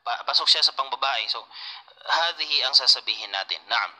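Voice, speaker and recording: A man's voice: medium pitch, expressive, a little fast, sharp tone, rough recording. A man teaching an Arabic lesson, patiently repeating points and answering students' questions. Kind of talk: online class lecture.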